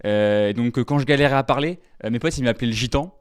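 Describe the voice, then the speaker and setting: A young male stand-up comedian performing live, a nervous, rapid delivery full of stammers and "euh" fillers, in a mid-range voice. The sound is dry and close, with no room echo. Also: medium pitch, smooth. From rural France. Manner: talks fast, stammers and hesitates with many fillers. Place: live comedy stage with audience.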